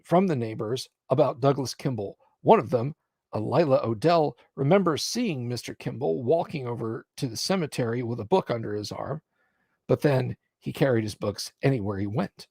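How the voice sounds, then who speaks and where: A man with a mid-pitched voice acts as game master on a live stream. He reads scenario text aloud and comments on the rules, recorded close and very dry. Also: moderate pace, creaky, a little mellow, slightly rough, no room sound.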